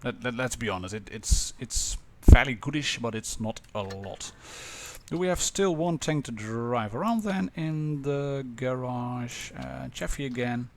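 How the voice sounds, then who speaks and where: A Dutch man with a Dutch accent, casually commentating a live game stream with many pauses and restarts. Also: medium pitch, slight background noise. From Netherlands.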